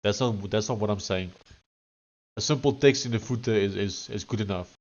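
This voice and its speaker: A man's voice: lowish voice, moderate pace, highs cut off. A man with a thick Afrikaans South African accent, chatting casually on a coding live stream and dictating instructions.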